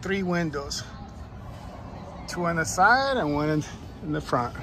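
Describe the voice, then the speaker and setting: Holding his phone camera, a man vlogs casually outdoors around a warehouse lot and a driveway, eagerly promoting a shop. His slightly high voice is animated but unhurried, with music playing underneath.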